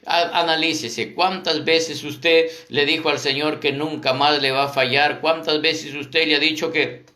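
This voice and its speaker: A man from Peru delivers a fervent sermon, pressing his point home to the congregation. His voice is bright and sits a little high. The sound carries in an echoey room. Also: steady tone, unhurried. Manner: fervent, retelling scripture with quoted voices. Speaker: apostle preaching.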